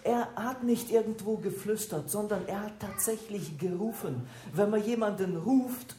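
A woman preacher giving an expository Bible teaching, explaining step by step and slowing down to repeat scripture verses. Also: mid-range voice, dark tone. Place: church gathering with children nearby. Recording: roomy echo, faint background noise. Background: faint room noise.

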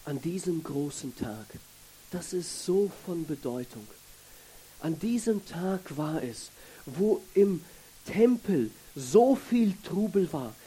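A man's voice: on the high side, expressive, slow, warm tone, breathy edge, poor audio. A man preaching a sermon in an earnest way, putting questions to his listeners.

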